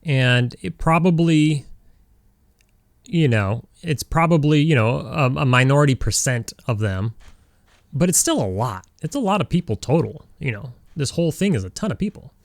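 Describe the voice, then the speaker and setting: A gaming streamer in his forties from Southern California rambles casually while playing, full of fillers and restarts. His medium-pitched voice has lively intonation, vocal fry and a moderate pace, with no echo.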